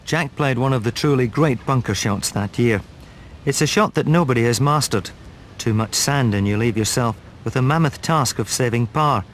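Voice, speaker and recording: Man, scripted documentary narrator, average pitch, slight background noise. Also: moderate pace.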